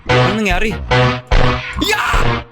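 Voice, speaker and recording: A young man giving loud, excited commentary on his game. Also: high-pitched, takes it slowly, loud music behind the voice. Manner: loud, hyped, shouting. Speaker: gaming video creator.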